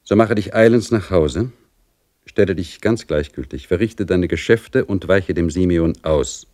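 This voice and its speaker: Man putting on a gruff old-time cop, brusque and bossy, low voice pushed up a bit. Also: a little slow, darkish tone. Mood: conspiring. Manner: scolding, brusque. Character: gruff blustering male police officer, middle-aged.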